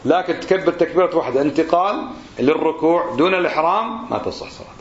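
Male religious teacher, explanatory lesson style, slow drawn-out demonstrations, echoey room, muffled recording. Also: fairly high pitch, expressive. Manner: drawls out phrases slowly to demonstrate pronunciation; asks the listeners rhetorical questions. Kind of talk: lesson on prayer. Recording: roomy, slightly dull recording.

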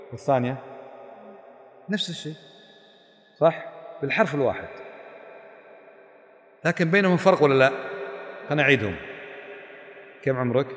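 A man giving a religious lesson to a class, quizzing his listeners with emphatic rhetorical questions. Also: on the high side. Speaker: religious teacher. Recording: echoey hall reverb.

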